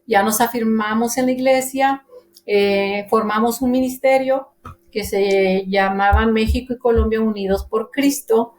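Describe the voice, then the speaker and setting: A woman's voice: a little high, steady tone, a little slow, darkish tone. A woman from Monterrey with a northern Mexican accent, giving an earnest personal faith testimony in a church radio interview, full of fillers and restarts. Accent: northern Mexican Spanish.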